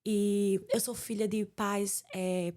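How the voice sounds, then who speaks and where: Her voice is mid-range, slow, and level, with a dark, clean tone. She's a woman pastor in her forties from Paraíba, a guest in an interview who speaks earnestly in a Northeastern Brazilian accent. Reflective in manner, she frequently restarts as she talks.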